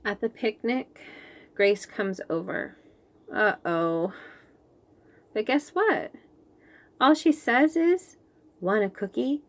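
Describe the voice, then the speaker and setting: With a faint hiss or hum in the background, a woman reads a children's picture book with expressive, animated storytelling. Her voice is fairly high, her pace slow, and she leaves long pauses.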